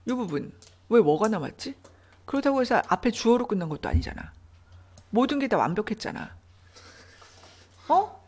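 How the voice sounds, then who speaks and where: Lively woman teaching an English lesson. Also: fairly high pitch, moderate pace, pauses often, slightly rough. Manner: explains grammar step by step, asking questions to students. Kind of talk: online English reading lesson.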